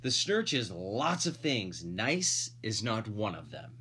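Against background noise, a father reads a picture book aloud in a sing-song, lowish voice at a slow pace. He stretches out key words expressively and makes playful, casual remarks to his listeners.

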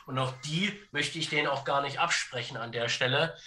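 Here a man with a medium-pitched, sharp-toned voice appears as a guest on a podcast. He explains history and politics casually but haltingly, searching for the right words and pausing to check in as he goes.

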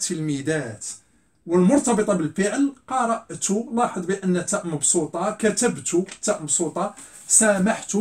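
Middle-aged guy teaching grammar in class, highish voice, keeps asking then answering himself. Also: a little mellow. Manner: repeats words slowly, asks and answers his own questions. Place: classroom with a blackboard.

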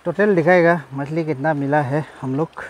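Out in the rain by a jungle river, a man chats to camera in a slightly high voice at a moderate pace. His casual vlog narration is full of repetition and exclamations.

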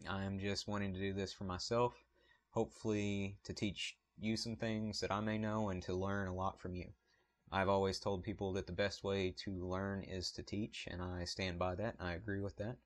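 Deep-voiced Southern man vlogging. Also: level tone, moderate pace. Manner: apologetic, rambling with fillers. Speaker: photography channel host. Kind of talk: casual vlog to camera. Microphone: point-and-shoot camera mic.

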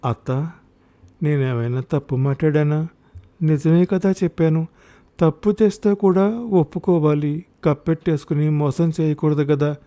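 A man voicing a troubled young village daughter-in-law who speaks slowly and softly, in a brooding, pleading way. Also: low voice, natural voice. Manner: slow, soft, brooding.

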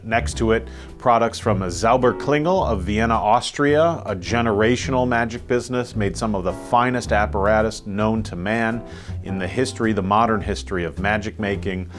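A man with a fairly low voice leads a guided tour through indoor rooms of a collection. He speaks in a measured, descriptive way, pausing now and then to find his words, while soft guitar music plays faintly underneath. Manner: measured, descriptive, occasional hesitations. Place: indoor private museum rooms.

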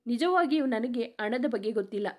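A woman's voice: on the high side, expressive, moderate pace, darkish tone. A woman voicing a wronged young wife who pleads and reproaches through tears in a spoken story. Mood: pleading.

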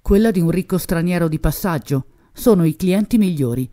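Brief: a woman playing a fawning waiter, soft and agreeable. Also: on the low side, expressive, a little fast, no room sound, clean studio sound, close to an everyday voice. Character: oily, deferential male waiter.

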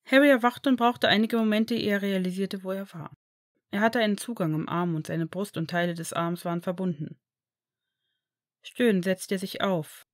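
A woman reading a fan fiction story aloud in an even storytelling manner. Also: medium pitch, normal speed, no echo, studio quality. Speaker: audiobook reader.

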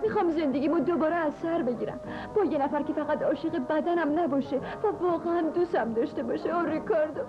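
A woman's voice: high-pitched, lightly acted. A woman dubbing a tearful young woman who pleads in a whiny way for help and money. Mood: pleading. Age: young adult. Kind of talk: Persian film dubbing. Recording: dull dubbed film audio with music.

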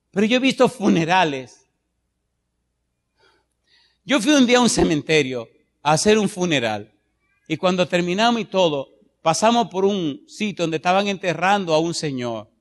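A middle-aged man pastor preaching a sermon, telling personal stories with passion and swinging from loud bursts to hushed moments. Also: fairly high pitch.

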